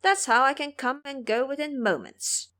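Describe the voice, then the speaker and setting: A woman voicing a proud, impulsive male monkey immortal in an audio drama, boastful and brisk. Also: high-pitched, lively intonation, fairly bright tone, pitched above the performer's own voice. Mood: eager, cheeky. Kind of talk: audio drama character acting.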